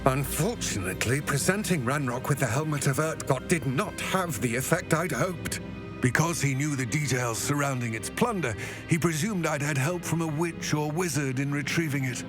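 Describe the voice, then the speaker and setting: An actor playing a grave, wary male goblin ally in video game dialogue, speaking in a formal, measured way. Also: a little high, natural voice. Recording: game audio with loud music. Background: game music.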